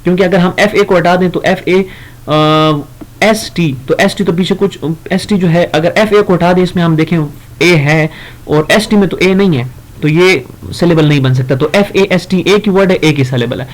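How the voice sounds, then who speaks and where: A man teaching a grammar lesson in Hindi. He reads example sentences slowly and explains them casually, with fillers and self-corrections. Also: high-pitched.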